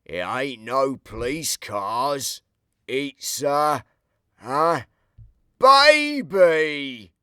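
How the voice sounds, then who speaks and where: A man voicing a soft-hearted male burglar with rough slang, drawing out his words slowly. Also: mid-range voice, no room sound, clean studio sound. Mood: startled. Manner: slow, drawn-out delivery.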